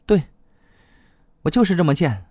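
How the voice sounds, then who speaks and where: A man's voice: on the high side, sing-song, moderate pace, a little mellow, no echo, clean studio sound, voice pushed up. A man voicing a blunt, hot-tempered young woman in an audiobook, scolding and swearing. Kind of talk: audiobook reading.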